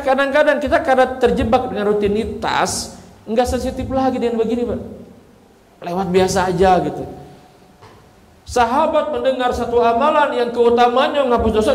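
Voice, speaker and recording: A man preaching an Islamic sermon, telling stories in a lively way and speaking directly to the men in the congregation. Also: extremely high pitch. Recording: echoey hall with long reverb.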